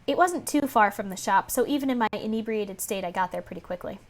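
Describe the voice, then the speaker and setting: A woman's voice: medium pitch, expressive, fast. A woman streamer reading a visual novel aloud, mixing narration with casual, sarcastic commentary and easy swearing. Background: faint music.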